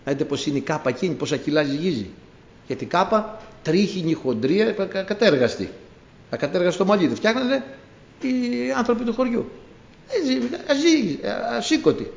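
Male preacher, high voice, swooping lively delivery, acts out scenes; echoey, dull lo-fi recording. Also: gravelly. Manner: animated storytelling, acting out biblical scenes. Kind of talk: sermon. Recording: echoey room, dull lo-fi sound.

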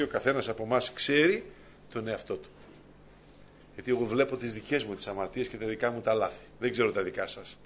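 A man preaching a sermon, addressing his congregation as brothers, swinging between quiet reflection and loud fervent peaks. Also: medium pitch.

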